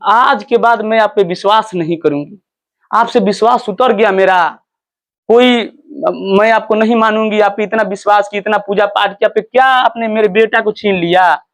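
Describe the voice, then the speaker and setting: A grieving village mother from a storybook lesson, wailing and pleading in a high voice, as a man teacher reads her part. Her lines come out loud and raw with grief. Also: normal speed. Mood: bitter grief.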